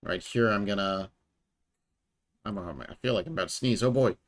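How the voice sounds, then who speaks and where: A man streamer thinking aloud at home as he edits his video, talking half to himself. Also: on the low side. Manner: muttering, half to himself, unhurried. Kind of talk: thinking aloud while editing.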